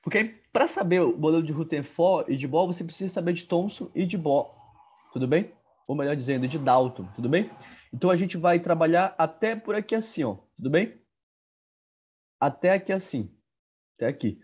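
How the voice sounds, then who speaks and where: Man, chemistry lesson, husky, mellow tone, fairly high voice, keeps checking in with listeners. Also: lively intonation. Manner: repeats "tudo bem?" after nearly every phrase; halting, with fillers and restarts. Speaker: chemistry teacher. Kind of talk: exam-prep lesson.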